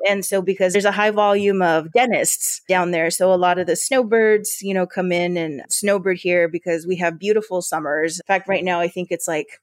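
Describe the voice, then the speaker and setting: This port authority leader from Yuma, Arizona, speaks on the low side at a moderate pace with a steady tone and hardly any pauses. As an interview guest, she tells personal stories in a chatty, informal way, frequently quoting dialogue, all captured in a dry recording.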